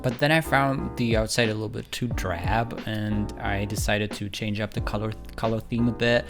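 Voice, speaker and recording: A man's voice: on the low side, steady tone, moderate pace, over music. A man hosting a home-building game video, talking casually over the footage with a friendly, apologetic manner and many ums. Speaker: speed-build video host.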